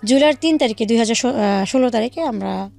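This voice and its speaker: A woman on the high side with a darkish tone and vocal fry speaks fast, soft music behind her. Interviewed on the radio, she narrates her life in detail, acting out old conversations as quoted dialogue in her own voice.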